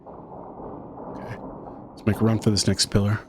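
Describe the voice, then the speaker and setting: A man's voice: lowish voice, flat delivery, racing, background noise. A man giving tense running commentary while he plays a horror game, talking under his breath to himself and the viewer. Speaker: gaming YouTuber. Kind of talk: let's-play commentary.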